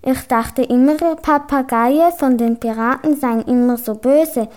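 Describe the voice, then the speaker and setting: A woman voicing a spirited young princess who has been kidnapped, speaking a little higher. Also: a little slow, darkish tone. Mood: defiant.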